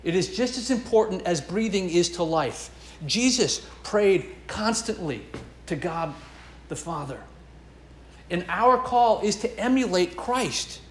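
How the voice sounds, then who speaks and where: A man's voice: high voice, lively intonation, unhurried, roomy sound, slight background noise. A man preaching a sermon as pastor, earnest and emphatic, building and dropping his intensity.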